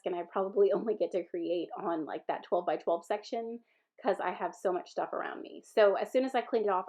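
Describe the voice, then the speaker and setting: A woman's voice: mid-range voice, darkish tone, muffled recording. A woman with a Southern American accent and a stuffy nose, chatting casually through a craft voice-over and rambling with fillers and self-corrections. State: stuffy-nosed from a sinus infection. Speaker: scrapbooking video creator.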